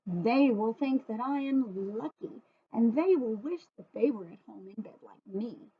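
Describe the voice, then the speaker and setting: A woman voicing a sulky, anxious young schoolgirl in a storybook, with drawn-out whiny protests. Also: a little high, expressive, breathy edge, full character voice. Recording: phone-like, muffled thin audio.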